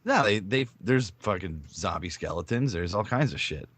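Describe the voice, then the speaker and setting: A man's voice: sits low, lively intonation, normal speed, a bit bright, slightly rough, no echo. A man co-hosting a casual podcast, eagerly explaining with many restarts. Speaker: podcast co-host. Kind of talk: casual chat.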